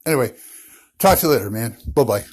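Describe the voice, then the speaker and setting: A man's voice: medium pitch, lively intonation, fast talker, a little mellow. A man leaving a casual answering machine message as a listener to a podcast.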